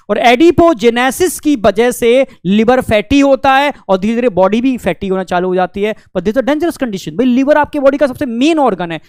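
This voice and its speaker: A man's voice: very high voice, darkish tone, clear, resonant tone, no echo, studio quality. A man teaching biology in a casual, conversational lecture, often checking in with his students and acting out quotes from friends. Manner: chatty, keeps asking "ठीक है?", acts out friends' quotes.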